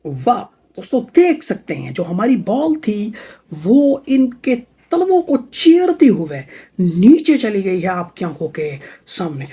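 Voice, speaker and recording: A man with a husky voice demonstrates magic tricks to camera in the hyping, repetitive showman patter of a kids' party magician. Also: high voice, mellow. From Pakistan.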